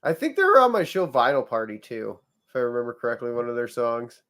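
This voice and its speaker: A man's voice: mid-range voice, wildly swooping pitch, quick pace, fairly bright tone. A man with an Illinois accent, co-hosting a casual late-night podcast, joking around and swearing freely. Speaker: podcast co-host.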